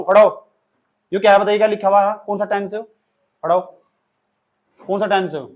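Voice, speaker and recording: Male grammar teacher, high-pitched, scolds and jokes with students in class. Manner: scolding, teasing, quizzing students. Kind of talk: classroom lecture.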